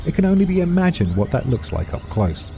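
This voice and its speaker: A man's voice: fairly high pitch, very animated, fairly quick, gravelly, mellow, faint music behind. A British man reading a scripted science explainer in a dry, precise, lightly witty way. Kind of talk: scripted narration.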